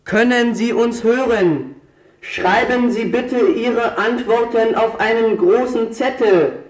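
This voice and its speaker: A young loudspeaker announcer. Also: male voice, very high-pitched, takes it slowly. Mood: announcing. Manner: repeated formal announcer calls. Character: eager young male helper announcing over a loudspeaker. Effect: voice through a large loudspeaker. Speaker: neighborhood youth making loudspeaker announcements. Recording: echoey loudspeaker from far off.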